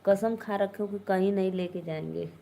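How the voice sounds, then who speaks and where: A woman's voice: medium pitch, steady tone, moderate pace, creaky, dark tone, slight background noise. Chatty woman hosting a live stream. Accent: Awadhi-tinged Hindi. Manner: chatty, reads out and answers viewer comments. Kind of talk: casual live stream chat with viewers.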